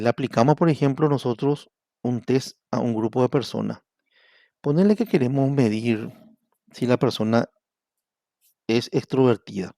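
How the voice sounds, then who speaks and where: A middle-aged man with a Paraguayan Spanish accent gives an online university lecture in a mid-range, dark-toned voice. He explains things step by step and keeps checking in with students, repeatedly asking "¿verdad?". The audio is studio quality, with no room sound.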